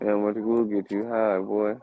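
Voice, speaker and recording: A man's voice: fairly low pitch, flat delivery, moderate pace, mellow, no echo. A man in a casual podcast chat, talking in a sleepy, drawling way with slang. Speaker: guest.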